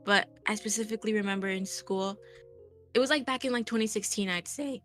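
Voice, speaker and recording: A woman's voice: mid-range voice, brisk, faint music behind. A young adult woman chatting casually with friends, telling a story with many "like"s and "um"s. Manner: animated storytelling with many fillers. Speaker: guest. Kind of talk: casual group chat.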